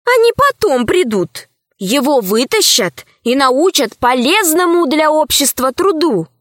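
A woman voicing a young girl who speaks calmly and reassuringly, with a raised voice. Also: high-pitched, a little slow, no echo, clean studio sound, exaggerated voice.

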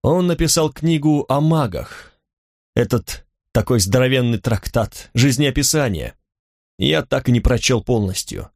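Man reading as a tired guarded young guy, quiet and dry, mid-pitched, no room sound. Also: lively intonation, unhurried, vocal fry, no echo.

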